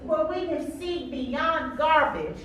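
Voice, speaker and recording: A woman leads a workshop as a counselor, pressing her points with questions to the audience. Her voice sits high. It reaches the mic from a distance, with heavy echo and faint background noise. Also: slow pace. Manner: emphatic, asks the room questions and repeats key words. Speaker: counselor leading a teacher training. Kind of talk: workshop talk to a live audience. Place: large echoey room with an audience. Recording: echoey hall from far off.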